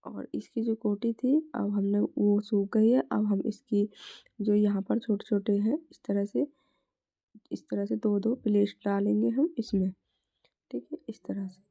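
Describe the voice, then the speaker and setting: A woman with a hoarse, sore throat, teaching a step-by-step sewing tutorial and repeating her stock phrases as she works. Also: mid-range voice, steady tone, measured pace, warm tone. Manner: repeats "is tarah se" and "theek hai" constantly; drops to a whisper at times.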